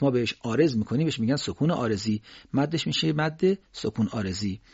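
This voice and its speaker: A man gives a recitation lesson in a husky, mid-pitched voice, moving between calm explanation and slow, drawn-out chanted examples. The recording is dry and somewhat muffled, with no room around it. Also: no echo. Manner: explains calmly, then slowly chants drawn-out Quranic examples. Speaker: Quran recitation teacher.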